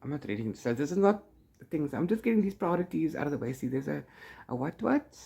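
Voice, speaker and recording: A gravelly, darkish male voice on the high side moves fast with a sing-song lilt. As a book vlogger in a casual, chatty reading video, he rambles theatrically and playfully, trailing off with "blah blah" and "la-la" fillers.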